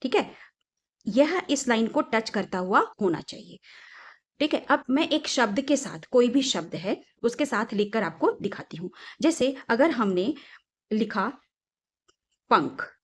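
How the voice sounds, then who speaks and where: A woman's voice: fairly high pitch, expressive, measured pace, husky. A young woman teaching small children, sing-song and emphatic, asking questions and answering them herself. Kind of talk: children's lesson.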